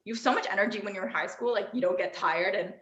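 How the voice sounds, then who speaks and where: A young adult woman, a podcast guest, telling a story in lively, casual chat, acting out quotes and leaning heavily on "like.". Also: medium pitch, fast. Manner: animated, acts out quotes, many "like" fillers. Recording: roomy, dull-sounding.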